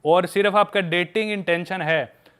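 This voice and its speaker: A man's voice: sits high, fairly even intonation, moderate pace, a bit bright, clean tone. A young man chatting casually on a podcast, telling candid travel stories and addressing the listener as a buddy. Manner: candid storytelling, calls listeners "bhai".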